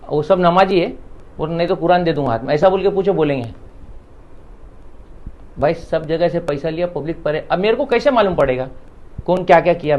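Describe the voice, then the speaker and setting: A man's voice: on the high side, dull audio. Insistent man with a Mumbai accent. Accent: Mumbai Hindi. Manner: emphatic, insistent, repeats himself. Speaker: interviewee answering allegations. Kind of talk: heated on-camera statement.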